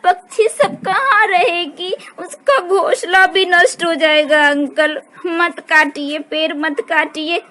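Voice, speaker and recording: A woman's voice: steady tone, slow pace, few pauses, sharp tone, heavily acted. A woman voicing a small child who tearfully begs the grown-ups. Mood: pleading. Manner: begging, high and tearful.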